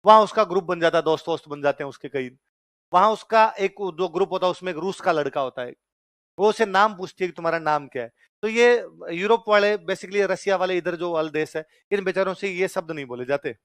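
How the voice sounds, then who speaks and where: A man's voice: sits high, fairly quick, fairly bright tone, clear, resonant tone, dry recording. Man, classroom lecture, asks and repeats questions, dry sound. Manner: tells anecdotes, mimics accents. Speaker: teacher.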